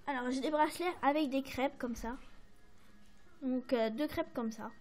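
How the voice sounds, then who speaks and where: High-voiced French woman chatting about crafts. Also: moderate pace, a little mellow, slight background noise. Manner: chatty, hesitant, many fillers and apologies. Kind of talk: casual show-and-tell to camera.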